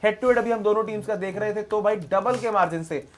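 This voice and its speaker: A man's voice: high voice, fast. A man hosting a casual cricket preview, moderating and putting questions to the panel. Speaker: host.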